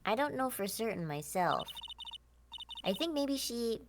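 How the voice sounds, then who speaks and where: A woman's voice: on the high side, very animated, a little slow, background noise. A woman voicing a peppy, science-loving teenage girl who stammers when flustered, reading game lines. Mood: eager.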